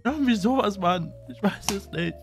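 Male YouTuber, playful rambling vlog chat, slightly high voice, faint music behind. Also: expressive, moderate pace. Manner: playful, jokey, rambling with many fillers. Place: room at home with a fan.

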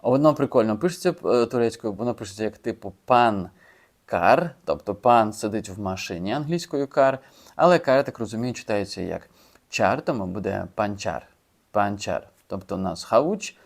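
A man's voice: on the low side, animated, moderate pace, vocal fry. A man casually explaining how he learns vocabulary, chatty and informal, with fillers and restarts. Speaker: language learner sharing his method. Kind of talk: casual video lesson.

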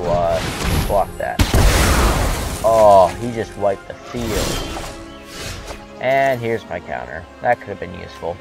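A young man giving relaxed, wry commentary while playing a card game, thinking aloud with fillers, with hiccups. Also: sits low, gravelly. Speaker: gamer. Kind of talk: casual gameplay commentary. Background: loud music.

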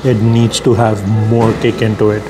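A man casually reviewing food for a vlog, talking while chewing, with unhurried, matter-of-fact tasting comments. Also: lowish voice, flat delivery, music in the background.

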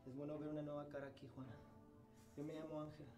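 Ángel, an actor playing a weary captive. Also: male voice, fairly high pitch, flat delivery, racing, close to an everyday voice. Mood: resigned. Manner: resigned, matter-of-fact. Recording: roomy film audio with music.

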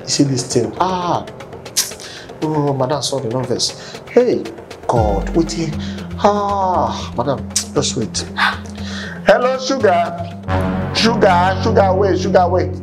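A man's voice: very animated, takes it slowly, over music. A man with a Nigerian Pidgin accent playing a cheeky, broke young man who begs and jokes his way through trouble in a comedy skit. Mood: pleading. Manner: comic, pleading, shifting pitch.

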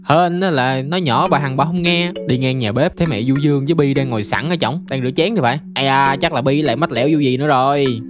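A man's voice: mid-range voice, fast talker, hardly any pauses. A man narrating a game drama in a chatty, comic first-person way. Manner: chatty, comic, exaggerated asides. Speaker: narrator and main character. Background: music.

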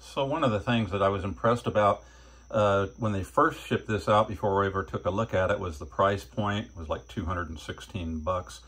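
A man's voice: fairly low pitch, normal speed, breathy edge. An older man casually reviewing batteries at an indoor workbench, speaking plainly and filling his talk with fillers. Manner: relaxed, plain-spoken, with fillers. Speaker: channel host reviewing batteries. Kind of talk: casual hands-on product review.

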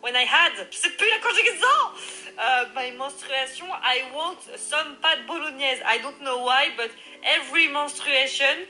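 A woman's voice: high voice, measured pace, sharp tone, soft background music, low-quality recording. A young woman with a French accent leaving a playful, hesitant voice message in broken English. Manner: playful, hesitant, many fillers. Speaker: vlogger sending a voice message. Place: voice message recording.

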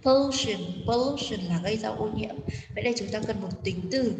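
A woman teacher patiently explaining a textbook exercise to students, often pausing with fillers and asking if they follow. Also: medium pitch. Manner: patient, explanatory, with frequent hesitation fillers and check-in questions. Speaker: English teacher. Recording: echoey room, mic far off, faint noise.

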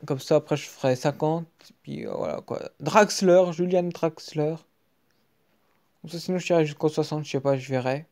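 A French-accented man talks through his pack openings in a loose, off-the-cuff way. His voice is mellow and warm. He drops to low mutters, then bursts out in excitement over a good pull. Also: moderate pace. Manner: excitable, trailing off to mutters between outbursts. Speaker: gaming video creator. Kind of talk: casual live commentary while opening card packs. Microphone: screen-recording app mic.

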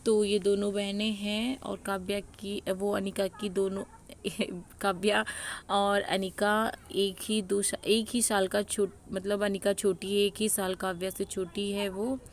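A woman's voice: mid-range voice, flat delivery, unhurried. A young woman with an Uttar Pradesh Hindi accent chatting casually to her viewers as a family vlogger. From Uttar Pradesh, India. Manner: chatty, addresses viewers as guys. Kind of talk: casual vlog narration over footage.

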